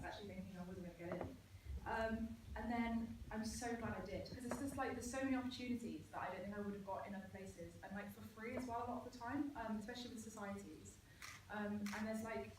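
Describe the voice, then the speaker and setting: A woman's voice: medium pitch, a little mellow, slight background noise. Chatty young woman, distant in echoey room. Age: young adult. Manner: chatty, many 'like' and 'um' fillers. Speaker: student. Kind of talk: speaking to visiting schoolchildren.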